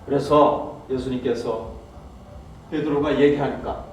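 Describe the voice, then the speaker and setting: A man's voice: mid-range voice, steady tone, unhurried, slight background noise. A male pastor preaching a sermon, often putting rhetorical questions to the congregation and acting out quoted speech in a raised voice. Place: church hall. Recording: very echoey hall, mic far off.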